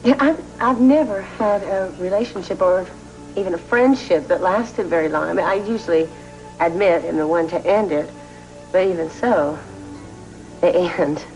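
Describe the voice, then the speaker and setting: Actress as low-voiced, earnest soap opera woman. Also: normal speed, a little mellow, natural voice, low-quality recording. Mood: downcast. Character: troubled, self-doubting woman in a romance. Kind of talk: television soap opera acting. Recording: background music under dialogue.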